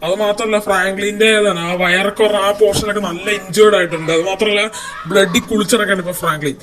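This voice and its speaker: Guy doing a young dude breaking bad news, high voice, talks fast and rambly. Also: fairly even intonation, natural voice, poor audio. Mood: urgent. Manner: rushed, urgent, rambling. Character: young man bringing urgent bad news. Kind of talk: amateur story voice acting.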